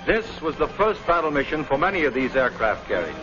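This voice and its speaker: 1940s American newsreel man, higher-pitched voice. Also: very animated, a little fast. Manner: dramatic, declarative delivery. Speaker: newsreel narrator. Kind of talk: 1940s wartime newsreel narration, scripted. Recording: dull 1940s newsreel, loud music behind.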